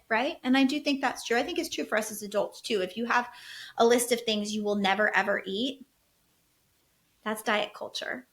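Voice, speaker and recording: Mom podcaster, kinda high voice, talks fast and animated like she's chatting with a friend. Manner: chatty, animated storytelling, acts out her kids' voices. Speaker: podcast host and health coach. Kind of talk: casual solo podcast talk.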